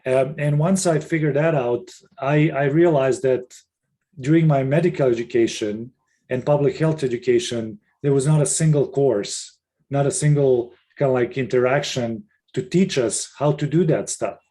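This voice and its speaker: A man's voice: medium pitch, normal speed, warm tone. Earnest middle-aged man from Serbia. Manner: earnest, with frequent restarts and fillers. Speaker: webinar panelist, professor. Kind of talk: casual webinar talk.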